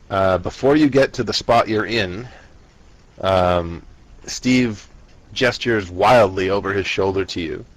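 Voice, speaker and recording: A man with a fairly low voice runs a tabletop fantasy game. He narrates as game master in a casual, improvised way, stopping and starting as he goes. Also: rough recording.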